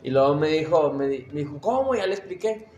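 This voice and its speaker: Young mexican dude spinning a story, high voice, echoey room, little bit of hiss. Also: male voice, fast talker, darkish tone. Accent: Mexican Spanish. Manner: slangy, laughing storyteller acting out quoted voices. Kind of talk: casual chat.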